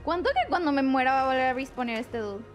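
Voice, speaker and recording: A woman's voice: sits high, expressive, quick pace, muffled recording, faint music behind. A woman streaming a video game, chatting playfully and mixing English words into her Spanish. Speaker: gaming streamer. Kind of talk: casual gameplay commentary.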